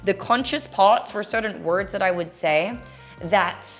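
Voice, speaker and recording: A young woman from the Gold Coast, Australia, with a mixed Australian and American accent, answers viewer questions frankly in a casual vlog. She is candid and chatty, speaking in a mid-range voice at a measured pace with faint music behind.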